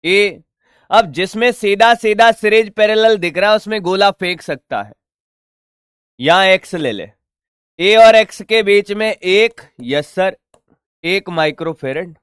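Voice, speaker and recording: Slow and pausing often, a man with a high, fairly bright, smooth voice delivers an online physics lesson at a board, recorded in studio quality with no room sound. He's playful and conversational, solving circuit problems and answering his students' questions.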